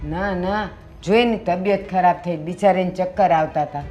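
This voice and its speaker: An actress playing a kind, protective older mother who speaks gently and pleads with her family, in a family drama. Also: on the low side, normal speed, soft background music, close to an everyday voice.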